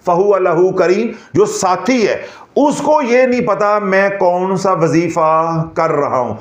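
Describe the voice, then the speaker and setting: A man giving a devotional lecture as a spiritual teacher, animated and mixing in humor. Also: high-pitched, roomy sound. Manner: animated, mixes in Punjabi phrases and humor.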